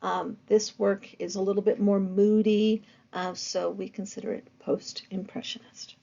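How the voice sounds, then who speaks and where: A woman lecturing on art history, with a gravelly, fry-tinged voice. She speaks in a loose, conversational way, filling pauses with ums and uhs. The recording is dull and lo-fi. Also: mid-range voice, level tone, dark tone. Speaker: art teacher.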